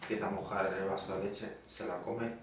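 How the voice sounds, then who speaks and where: A man with a fairly low voice tells one joke after another in a slow, dry way, with small pauses. He sounds set back from the microphone in a very echoey room, with faint background noise. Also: level tone. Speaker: videoblogger telling jokes. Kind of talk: stand-up joke telling. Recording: echoey room, far from the mic.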